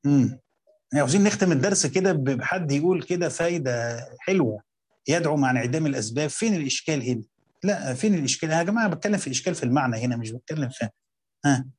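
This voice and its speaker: A man with an Egyptian Arabic accent teaches a Quran commentary lesson in a fairly high, animated voice that is darkish with a breathy edge. He reads quotes slowly, then explains them in colloquial talk while questioning his students.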